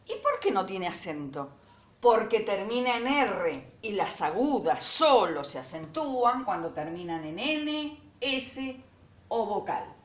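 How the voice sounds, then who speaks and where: A woman teacher giving a recorded lesson to her students, speaking slowly and emphatically and repeating words syllable by syllable. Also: mid-range voice, very animated, roomy sound.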